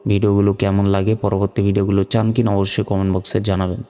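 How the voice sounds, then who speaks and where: A man's voice: fairly low pitch, monotone, racing, dark tone, in a large hall. A man teaching Quran reading, spelling out each letter and vowel mark syllable by syllable. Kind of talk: step-by-step spelling lesson.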